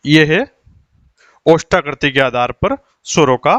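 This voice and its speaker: Male teacher from India, slightly high voice, dry close sound, steady question-and-answer lesson. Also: dry recording, highs cut off. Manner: asks rhetorical questions and answers them himself, slows down while writing on the board. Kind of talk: Hindi grammar lesson.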